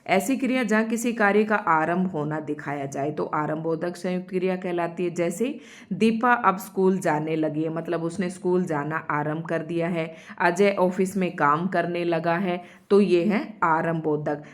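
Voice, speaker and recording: Woman teaching grammar, patient and repetitive. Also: lowish voice. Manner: explains step by step, repeats example sentences slowly; addresses students directly. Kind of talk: online grammar lesson.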